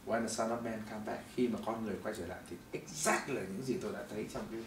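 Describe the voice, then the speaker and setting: A middle-aged man giving a testimony sermon in a church hall, telling his story in an animated way that swings between loud bursts and hushed moments. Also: lowish voice, fast talker, background noise. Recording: echoey hall, mic at a distance.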